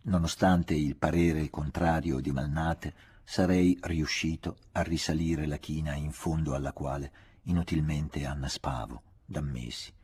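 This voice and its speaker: A man reads a literary novel aloud in a measured, reflective way. His voice is very low, dark and husky, with a restrained delivery. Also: steady tone. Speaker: audiobook reader. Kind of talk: scripted literary narration.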